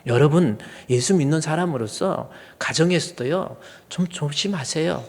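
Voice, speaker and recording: A man's voice: fairly high pitch, normal speed, creaky, a little mellow. A male pastor preaching a sermon with earnest emphasis, now and then acting out angry fathers in quoted asides. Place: church sanctuary. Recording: long hall reverb.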